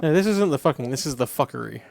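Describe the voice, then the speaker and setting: A man's voice: medium pitch, animated, quick pace, gravelly, music in the background. A man playing a game and commenting on it with sarcastic, sweary remarks. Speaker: player. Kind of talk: casual chat while gaming.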